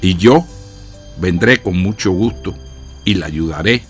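Man playing a quiet, humble old general. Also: sits low, a little slow, soft background music, pitched below the performer's own voice. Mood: gently firm.

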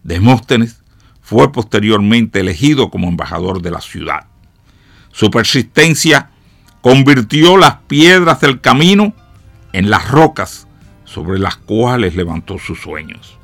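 A man, a radio educator, telling a motivational story to his listeners in slow, emphatic declamation. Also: lowish voice, gravelly, a bit bright, dry recording.

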